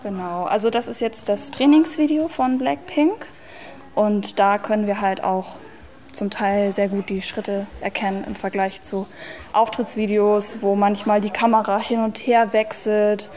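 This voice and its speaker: Woman, dancer, casual interview, explaining, conversational, mid pitch. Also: steady tone, a little slow, dark tone.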